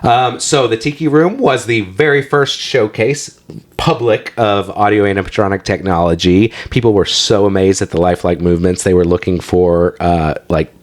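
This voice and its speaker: A man's voice: lowish voice, fairly even intonation, moderate pace. A man co-hosting a podcast in casual chat, enthusiastic and chatty as he shares trivia. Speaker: podcast co-host.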